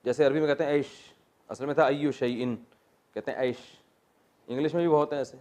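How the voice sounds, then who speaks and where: A man's voice: mid-range voice, fairly even intonation, darkish tone. A man with a Pakistani Urdu accent, a religious teacher giving a classroom lesson on Quran grammar, explaining step by step, quizzing his students and telling jokes.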